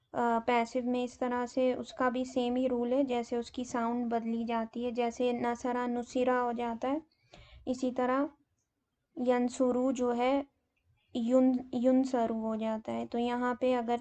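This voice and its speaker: A woman teacher slowly explaining grammar, pausing often with fillers. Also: on the high side, darkish tone. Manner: slow, hesitant explaining with many fillers. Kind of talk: grammar lesson in Urdu mixed with English terms.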